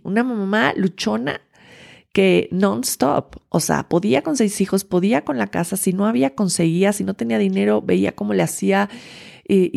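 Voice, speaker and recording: A woman's voice: mid-range voice, vocal fry, mellow. A woman, a podcast host and teacher, telling a personal story in an earnest, confiding way with many fillers and restarts.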